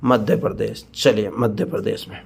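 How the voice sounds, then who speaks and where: A male teacher, giving a mnemonic lesson and asking students questions, then slowly drawing out the answers himself. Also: fairly low pitch, fairly even intonation, vocal fry, a little mellow, slight background noise. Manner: call-and-response questioning, drawn-out repeated answers.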